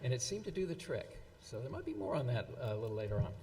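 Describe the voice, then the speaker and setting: A man's voice: medium pitch, big pitch swings, warm tone, slight background noise. A man giving a speech at an event, stringing together quotations in a middling voice and stumbling over words with frequent fillers and restarts. His voice carries through a hall with a long reverb tail. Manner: halting, many fillers and restarts. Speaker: event presenter.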